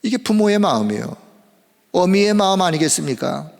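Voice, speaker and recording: A male pastor preaching a sermon in a fairly high, emphatic voice, swinging between ringing declarations and quiet, low asides. The words echo through a large sanctuary with a long reverb tail. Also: very animated, normal speed, creaky.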